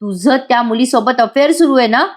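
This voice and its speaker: A woman's voice: fairly high pitch, a little fast, close to an everyday voice. A woman reading the lines of a protective middle-aged mother in a serial recap, stern and scolding. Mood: furious.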